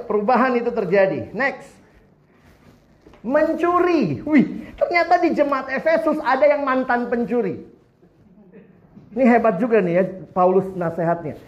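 A man preaching a sermon, humorous and animated, putting questions to the congregation. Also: a little high. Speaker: pastor. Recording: roomy, slightly dull, faint background noise.

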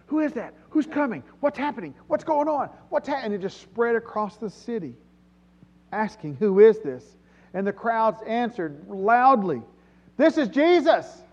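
Dramatic, lo-fi preaching man. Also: on the high side. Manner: dramatic, swings from hushed to loud exclaiming. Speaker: pastor. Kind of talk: sermon. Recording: dull lo-fi sound.

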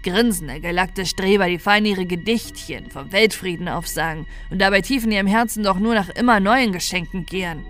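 A woman voicing a corrupted male Santa who speaks slowly, calmly and with contempt. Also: medium pitch, soft background music, lightly acted. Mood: scornful. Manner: slow, calm and contemptuous. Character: corrupted male Santa, calm, cruel and scornful.

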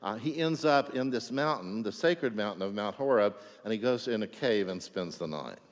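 A low-voiced male pastor delivers a conversational sermon and keeps checking in with his listeners. The recording carries a long hall reverb and sounds dull and lo-fi. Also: expressive, normal speed. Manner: conversational preaching, checks in with the congregation.

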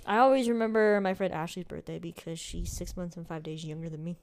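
A woman's voice: on the low side, fast. A woman in her late twenties, chatting casually as a podcast co-host and telling stories with frequent giggles. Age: 20s. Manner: giggly, animated storytelling. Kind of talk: casual chat.

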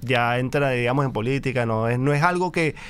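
A man being interviewed on a sports podcast as a baseball league executive, answering in a measured way with many pauses and fillers. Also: medium pitch, a bit bright, clear, resonant tone.

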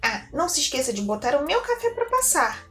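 A woman voicing a cranky, greedy old witch in a storybook reading, shrill and scolding. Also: big pitch swings, fairly quick. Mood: bossy. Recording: roomy with soft music.

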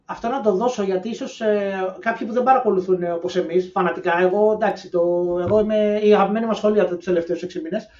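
A woman's voice: medium pitch, hardly any pauses, warm tone. A woman co-hosting a podcast in casual analytical chat, speculating and offering her ideas in a knowing tone. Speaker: podcast co-host. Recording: distant, echoey, dull-sounding mic.

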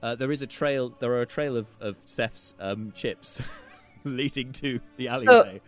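A man narrating a tabletop game as game master, improvising and often halting to search for his phrasing. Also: medium pitch, faint music behind.

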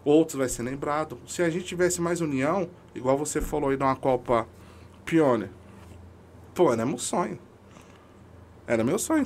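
A man's voice: medium pitch, a little hiss or hum. A man, a podcast guest talking casually in an emotional, slangy, emphatic way about his amateur football club. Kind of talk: casual chat.

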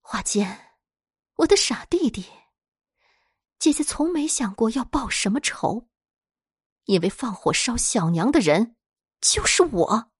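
A woman voicing a jealous, tormented young woman who swings between high cries and breathy whispers. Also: very animated, slow, pauses often, dry recording, studio quality, full character voice. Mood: bitter, unhinged.

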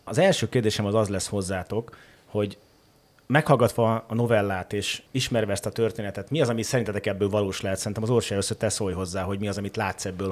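Male podcast host, lowish voice, friendly, slightly halting intros. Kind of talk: welcoming introduction.

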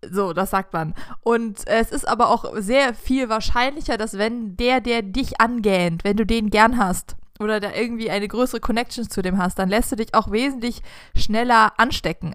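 A woman's voice: medium pitch, a bit bright, clean tone, no room sound, studio quality. A young woman co-hosting a podcast in casual chat, wry and fond of explaining things at length. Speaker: podcast co-host.

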